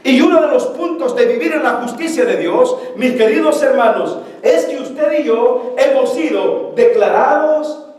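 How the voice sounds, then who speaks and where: A man's voice: very high voice, expressive, measured pace, darkish tone. A male pastor preaching a sermon to his congregation with fervor, repeating phrases for emphasis. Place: church sanctuary. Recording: very echoey church, mic far off.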